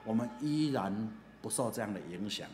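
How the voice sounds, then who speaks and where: A man's voice: lowish voice, expressive, normal speed, darkish tone, soft background music. A man preaching in a chatty storytelling sermon with a Taiwanese Mandarin accent, dropping many filler particles. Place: church hall. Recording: echoey church hall, faint ambience.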